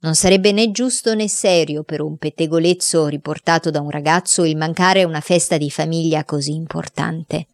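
A woman voicing a stern father who speaks in a severe, measured way. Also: low voice, no echo. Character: stern but secretly amused father.

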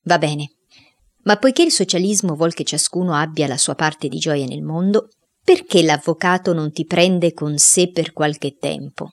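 A woman's voice: mid-range voice, animated, a little mellow, close to an everyday voice. A woman voicing a stern, dry father. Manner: serious, dry and measured. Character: stern calm father of a boy.

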